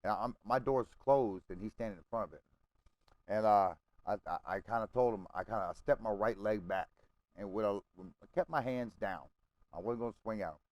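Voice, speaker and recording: A man's voice: fairly low pitch, moderate pace, dry recording, low-quality recording. A man telling a long personal story to friends over game chat, swearing freely, rambling, and often checking in with "okay?" and "right?". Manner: profane, rambling, keeps checking in with listeners. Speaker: gamer chatting with friends.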